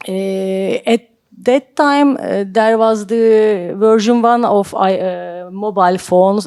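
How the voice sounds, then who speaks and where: A woman's voice: mid-range voice, mellow, dry recording, studio quality. A woman in her forties from Turkey, telling a story as a guest at a panel talk, hesitant, with many filler sounds. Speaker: art collector, panel guest. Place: library event hall.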